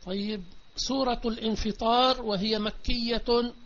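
Man, high-pitched, from Palestine, online Quran lesson teacher, patient step-by-step explanations, muffled voice-chat audio. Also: fairly even intonation, a little slow, a bit bright. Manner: explains step by step and keeps asking if students understood. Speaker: Islamic teacher. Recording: dull lo-fi voice chat with faint noise.

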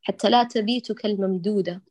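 A woman's voice: medium pitch, a little fast, darkish tone, dry recording. A woman teaching Quran recitation who patiently corrects her students, models each sound and praises them with many blessings. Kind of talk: online recitation correction lesson.

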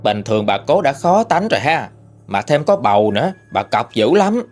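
A man's voice: medium pitch, big pitch swings, normal speed, soft background music. A man with a Southern Vietnamese accent telling a family ghost story in a folksy, chatty way, full of dialect particles. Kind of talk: oral storytelling.

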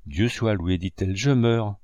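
A man's voice: fairly low pitch, moderate pace, darkish tone, dry recording, studio quality, lightly acted. A man reading a distraught, ashamed young woman artist in an audiobook, in a breathless, pleading voice. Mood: anguished.

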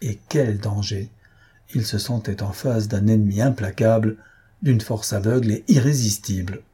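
A man narrating a novel as an audiobook reader in an even storytelling delivery. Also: fairly low pitch, moderate pace, breathy edge. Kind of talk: scripted narration.

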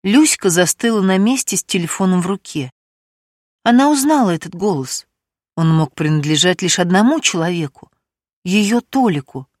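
A woman narrating an audiobook in an expressive storytelling manner. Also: lowish voice, normal speed, no room sound, clean studio sound.

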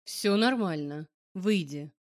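A woman voicing a calm, self-assured young male boss who speaks in a low, level way in an audiobook. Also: normal speed. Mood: calm persuasive. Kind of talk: audiobook character voice.

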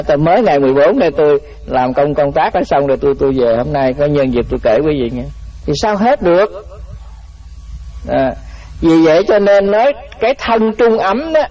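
A Buddhist monk giving a dharma talk, telling folksy stories and often repeating words. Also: male voice, high-pitched, a little mellow. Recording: muffled lo-fi radio-like recording.

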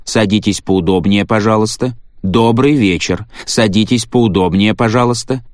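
A man voicing a broken male sales robot that repeats its greetings slowly like a skipping record. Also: fairly low pitch, no echo, clean studio sound, lightly acted. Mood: glitching cheerful. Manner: metallic, repetitive, slow and halting. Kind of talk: audiobook reading.

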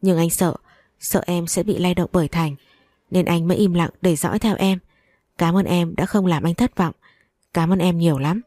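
A woman's voice: fairly low pitch, normal speed, no echo, studio quality, natural voice. A woman voicing a protective man comforting his partner, in a read-aloud story. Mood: tender. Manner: gentle and soothing. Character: protective loving man, angry then tender.

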